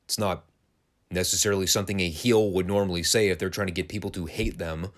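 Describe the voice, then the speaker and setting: A man's voice: low-pitched, steady tone, quick pace. A man hosting a wrestling podcast, giving a casual, sarcastic and crude play-by-play review of an old broadcast. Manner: sarcastic, crude, dry humor.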